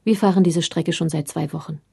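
A woman's voice: deep voice, fairly even intonation, fairly quick, creaky, a little mellow, slightly rough, exaggerated voice. A woman voicing an old woman at a bus stop who answers bluntly and matter-of-factly.

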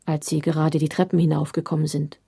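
A woman's voice: low-pitched, little pitch movement, brisk, creaky, warm tone, husky, heavily acted. A woman reading as a blunt old woman. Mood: matter-of-fact. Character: old woman waiting at a bus stop, matter-of-fact.

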